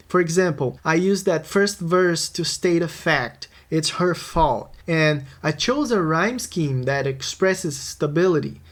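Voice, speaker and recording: A man, a music producer, narrating a scripted songwriting tutorial and answering his own questions. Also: a little high. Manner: explanatory, posing and answering questions.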